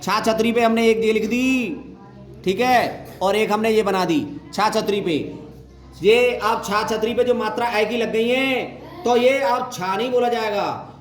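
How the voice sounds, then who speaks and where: In an echoey room with faint noise, a man teaches a primary-level Hindi reading lesson at a measured pace and in a high-pitched voice. He repeats each sound, asks and then answers his own questions, and calls the syllables out loudly.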